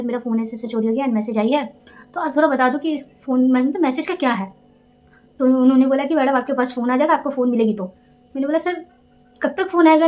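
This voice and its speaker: A young woman vlogger telling a story casually, with animated, indignant retelling and quoted dialogue. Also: a little high. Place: Delhi.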